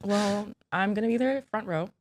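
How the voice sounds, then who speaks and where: A woman's voice: medium pitch, moderate pace. A woman hosting a casual podcast chat, playful and teasing with her guest. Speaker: podcast host.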